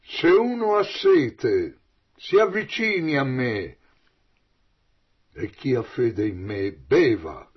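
A man reading the part of Jesus aloud, proclaiming in a husky, raised voice. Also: lowish voice, expressive, slow pace, highs cut off, heavily acted. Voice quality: husky, loud and declamatory. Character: man preaching as Jesus, solemn and commanding. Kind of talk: dramatic Bible reading.

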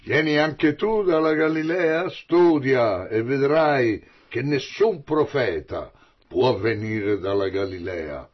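A man reading the lines of the Pharisees in a loud, husky, contemptuous voice. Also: low voice, very slow, muffled recording, full character voice. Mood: scornful. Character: scornful male Pharisees, angry officials. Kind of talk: dramatic Bible reading.

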